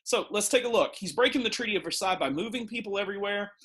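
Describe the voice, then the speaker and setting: A middle-aged man from the United States gives a recorded history lesson with a slightly raised pitch. He talks in a relaxed, conversational way and uses everyday analogies to explain things. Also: quick pace. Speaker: teacher.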